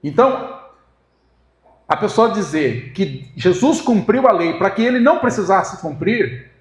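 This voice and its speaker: A man with a Brazilian Portuguese accent preaching a sermon in a church, emphatic and building to forceful peaks as he argues his point. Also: high voice. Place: church hall. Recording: echoey church hall.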